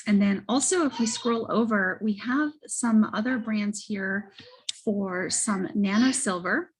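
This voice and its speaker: A woman giving a casual, halting product testimonial as a host, often correcting herself as she goes. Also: medium pitch, slightly rough, poor audio. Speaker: host presenting wellness products. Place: library children's area. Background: children and banging in background.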